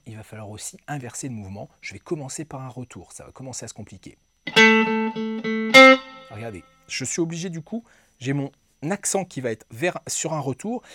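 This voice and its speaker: A man's voice: medium pitch, expressive, a little fast, a little mellow, no echo. A man giving a guitar lesson, explaining exercises and counting beats aloud as he demonstrates them. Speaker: guitar teacher. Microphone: close mic aimed at him. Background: clean electric guitar playing.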